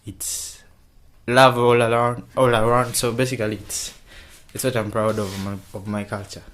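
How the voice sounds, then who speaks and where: A young man from Kenya answering interview questions in a casual, halting way, often repeating his words as he starts. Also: mid-range voice, little pitch movement, a bit bright. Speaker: interview guest.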